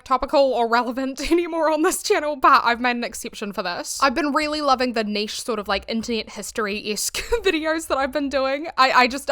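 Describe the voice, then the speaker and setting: Speaking from her bedroom at home, a woman from New Zealand with a Kiwi accent hosts a casual YouTube commentary vlog. Her voice is fairly high and a bit bright, and she's chatty and filler-heavy, laughing between phrases.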